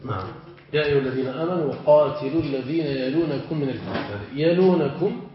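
A man's voice: medium pitch, animated, fast. A man teaching Arabic grammar in a classroom lesson, explaining step by step and often asking his students whether they follow. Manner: explanatory, checks understanding with repeated questions. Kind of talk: classroom lesson on verb morphology. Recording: echoey, dull lo-fi classroom recording with faint hiss.

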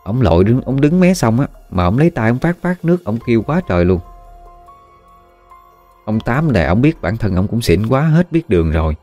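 A man's voice: medium pitch, very animated, moderate pace, mellow, faint music behind. A man with a Mekong Delta Southern Vietnamese accent telling a village story in a casual, rambling way, with many filler sounds. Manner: folksy, rambling, with frequent "à" fillers.

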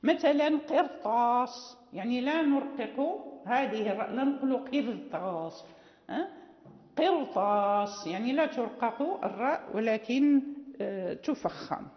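A woman teacher explains recitation rules patiently, pausing on fillers and repeating each example slowly. Her voice sits high. The recording is dull and lo-fi, with a long hall reverb around it. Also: lively intonation.

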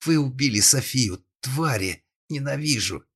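A man's voice: lowish voice, animated, moderate pace, a bit bright. A man voicing a desperate young woman held at gunpoint, who moves from pleading to raging fury in an audiobook. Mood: furious. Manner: pleading, then spitting fury.

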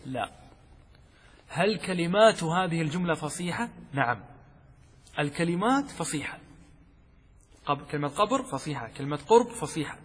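A man teaching a lesson as a sheikh. He explains step by step, asks questions and answers them himself, and slowly chants the verses he quotes. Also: fairly high pitch, big pitch swings, breathy edge. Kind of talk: classroom lesson explaining a text. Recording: long hall reverb.

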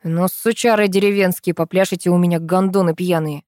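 A woman voicing a coarse, furious man who yells and swears, reading a story aloud. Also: lowish voice, steady tone, brisk, dry recording, clean studio sound, lightly acted. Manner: yelling, swearing, explosive.

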